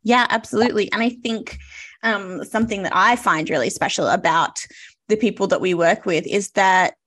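A woman's voice: mid-range voice, normal speed. Woman, podcast host, affirming, encouraging, casual interview. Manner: warm affirming listener.

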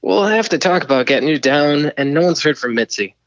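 A man's voice: a little high, animated, fairly quick, no room sound, highs cut off. A man playing a flustered, stammering mission control operator, heard over a radio link in a comedy skit.

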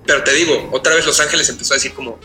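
A man with a Mexican accent, an actor talking as a guest in a casual interview, animated and full of slang. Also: medium pitch, very fast, soft background music. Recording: roomy echo.

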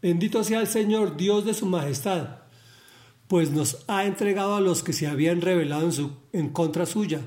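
A man's voice: high voice, moderate pace, darkish tone, lightly acted. A man voicing an eager young male messenger in a Bible reading, earnest and insistent. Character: eager young male runner bringing news.

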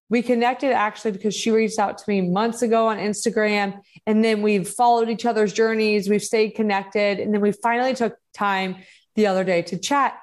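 This solo motivational podcast host, also a growth coach, has a fairly high voice with a darkish tone. She talks to listeners in an earnest, emphatic, conversational way that's meant to encourage.

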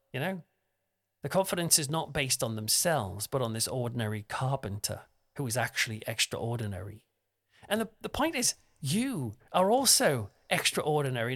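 A man's voice: on the high side, a bit bright. A young man giving a conversational, self-deprecating devotional talk as a preacher. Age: young adult.

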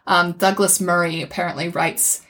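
A woman's voice: fairly low pitch, level tone, normal speed, bright, forceful tone. A woman co-hosting a podcast, opinionated and casual, swearing freely and referencing essays. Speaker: podcast co-host. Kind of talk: casual chat.

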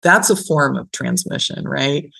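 Her voice is very deep, animated and creaky, a little slow, fairly bright and slightly rough. A middle-aged woman, a gerontology professor being interviewed, she reflects and explains conversationally, tells personal stories, and often asks "right?" or adds "you know."

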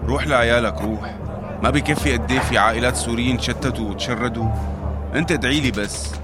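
Resolute in mood, a mid-range male voice talks fast in this lightly acted radio drama role: a civil defense rescuer from Madaya in the Damascus countryside. With a Syrian accent, he sounds earnest and coaxing, sighing heavily, playing a determined man who is warm, protective and stubbornly hopeful, with a music bed behind him.

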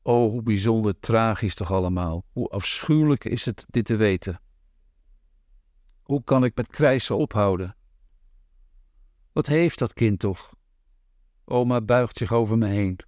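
A man reading a literary novel aloud in a measured, deliberate way. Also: fairly low pitch, a little mellow, no echo, studio quality. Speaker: audiobook narrator.

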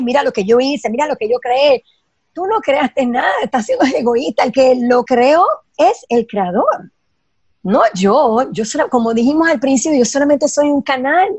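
A woman's voice: high-pitched, darkish tone, no echo. A woman giving spiritual advice in an emphatic way, asking rhetorical questions and dropping in English phrases. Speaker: guest teaching Kabbalah ideas. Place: lives in Los Angeles.

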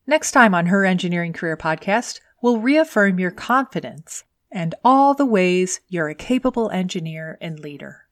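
Woman giving tidy podcast career advice, lower-pitched. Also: lively intonation, moderate pace, few pauses, no echo, clean studio sound. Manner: tidy, orderly, instructional delivery. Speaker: podcast host and career coach. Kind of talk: scripted solo advice podcast narration.

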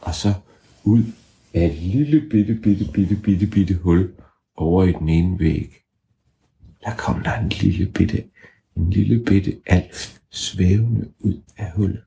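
A man's voice: sits low, creaky, warm tone. A man making up a bedtime story for a child, playful and sometimes searching for his words.

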